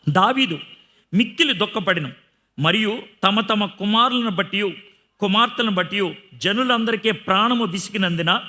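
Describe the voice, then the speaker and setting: A man's voice: high-pitched, normal speed, pushed and bright. A man preaching a sermon, asking his listeners questions and acting out the lines of people in the story. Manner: teaching by questions to the audience, acting out quoted lines. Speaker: pastor.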